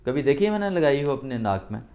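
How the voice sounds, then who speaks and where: A man reading the lines of a sharp-tongued young wife in a storybook lesson, scolding a servant girl. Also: medium pitch, big pitch swings, natural voice. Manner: scolding, exasperated.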